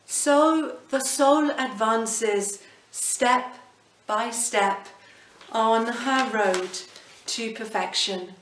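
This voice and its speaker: A middle-aged woman, a cathedral canon presenting a series, gives a reflective devotional talk, slow and gently emphatic. Her fairly high voice is a little off-mic at medium distance from the camera, in an indoor hallway at the foot of a staircase, with roomy echo and slight hiss or hum.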